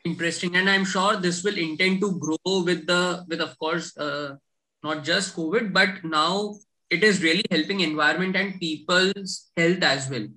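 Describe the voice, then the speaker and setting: A man's voice: high voice, normal speed, bright, forceful tone, poor audio. A man, hosting an interview politely, with many short acknowledgments. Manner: polite, frequent brief acknowledgments. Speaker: host.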